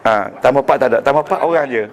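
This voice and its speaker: Joking Malaysian religious teacher lecturing a class. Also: male voice, medium pitch, rapid-fire. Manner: joking, quizzing students, call-and-response. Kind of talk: classroom lecture on Arabic grammar. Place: lecture room with students.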